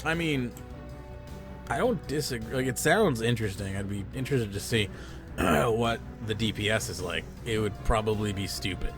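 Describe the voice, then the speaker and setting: Gaming while he hosts a podcast, a man chats casually, rambling and mocking himself. His fairly low voice is hoarse and stuffy because he's losing it and his sinuses are blocked, and he talks at a moderate pace over background music.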